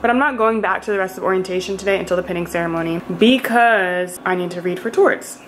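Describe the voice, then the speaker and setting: A woman's voice: on the low side, quick pace, a little hiss or hum. A young woman who is a law student, chatting casually to viewers in a vlog and trailing off with fillers. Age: young adult. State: out of breath. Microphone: on-camera mic.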